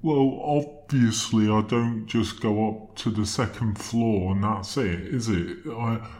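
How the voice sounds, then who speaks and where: A man on a comic podcast, speaking through a slowed-down, deepened voice effect, fussy and literal-minded in his earnest banter. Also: a little mellow. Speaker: podcast co-host.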